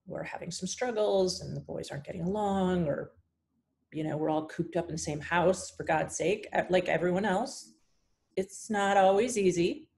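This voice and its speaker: Woman, casual storytelling, slightly low voice, chatty, restarts sentences, acts out quotes. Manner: chatty, animated, with self-interruptions and restarts. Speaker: vlogger.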